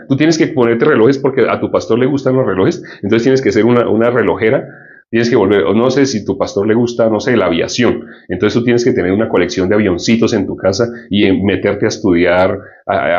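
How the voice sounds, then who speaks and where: A man's voice: lowish voice, a little mellow. A man preaching a sermon, often asking the audience questions and repeating points for emphasis. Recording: dull lo-fi sound.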